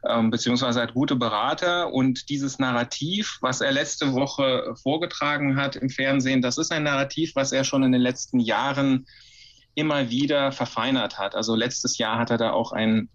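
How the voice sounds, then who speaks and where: A man's voice: medium pitch, fairly even intonation, normal speed, a bit bright, lo-fi sound. A man from Ukraine, a historian answering interview questions with many fillers and restarts. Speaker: historian guest.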